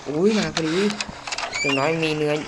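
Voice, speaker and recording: Excitable male game commentator. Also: a little high, normal speed, heavy background noise. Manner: chatty, talks to viewers, startled exclamations. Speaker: gaming channel host. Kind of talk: let's play commentary.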